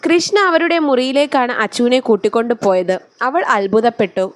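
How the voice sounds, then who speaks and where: A woman hosting her own channel, reading a serialized romance story aloud in a calm, even manner. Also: on the high side, brisk, no echo.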